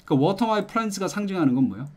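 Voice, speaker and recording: This middle-aged man speaks fairly quickly in a high-pitched voice, giving an explanatory exam-prep lecture. He's lively and coaxing, asks his students questions, and often checks "got it?" with "알겠죠?".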